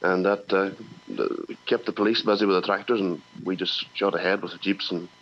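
A man with a Donegal Irish accent talking casually and haltingly, often repeating words, as an interview guest. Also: low-pitched, steady tone, slight background noise. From County Donegal, Ireland. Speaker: radio phone-in guest, farmer. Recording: dull telephone line.

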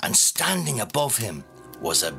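A man with an Irish accent telling a folk tale, lively and dramatic, rising for suspense. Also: mid-range voice, moderate pace, creaky, over loud music. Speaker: storyteller. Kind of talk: spoken folk tale for listeners.

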